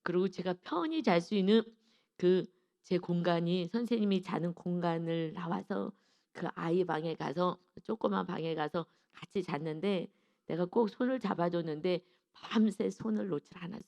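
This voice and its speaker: A woman giving an early morning sermon, telling a personal story with lively storytelling and acting out her own prayers. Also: fairly low pitch, normal speed, creaky. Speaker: preacher.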